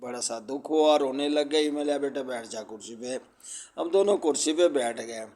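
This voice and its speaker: An older man from Punjab tells a personal story in a slow, heartfelt, folksy way. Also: medium pitch, a little mellow.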